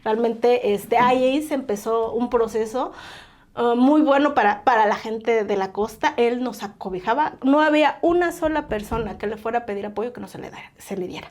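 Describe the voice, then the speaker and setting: A woman's voice: on the high side, moderate pace, a little mellow. Woman, earnest, filler-heavy, tag questions, podcast guest. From Oaxaca coast, Mexico. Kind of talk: casual interview conversation.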